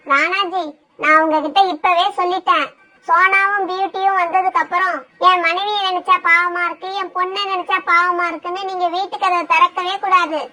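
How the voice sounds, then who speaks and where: A scheming, vain female sparrow from a cartoon, voiced by a woman, cold and bossy in every word. Her voice sits very high and sounds bright and sharp. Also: steady tone, moderate pace. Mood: haughty. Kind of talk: cartoon voice acting.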